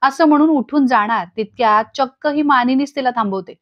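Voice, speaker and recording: A woman narrating a recap of a TV serial episode in a brisk, expressive, sympathetic storytelling way. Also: high-pitched. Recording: dull lo-fi recording.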